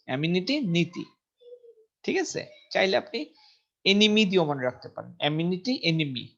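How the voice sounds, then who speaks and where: A man teaching English vocabulary in a casual lesson, repeating each word several times and checking pronunciation aloud. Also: a little high. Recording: dull lo-fi recording.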